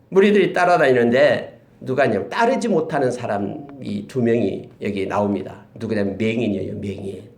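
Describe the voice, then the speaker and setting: A male pastor preaching a sermon, moving between loud, stirring exclamations and hushed, whispered asides. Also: medium pitch. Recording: roomy echo.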